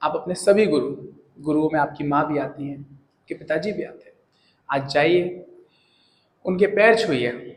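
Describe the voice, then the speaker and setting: A man teaching, giving an earnest, animated motivational talk to his students. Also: on the high side, normal speed, echoey room, slight background noise, rough recording.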